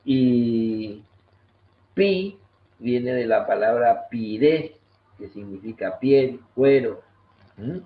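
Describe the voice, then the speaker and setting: A man's voice: medium pitch, lively intonation, extremely slow, long pauses. A man with an Argentine accent, a guest teacher patiently explaining things in an online talk and repeating key words rhythmically. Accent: Argentine Spanish. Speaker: guest teacher of Guaraní language and culture. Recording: echoey muffled room with faint noise.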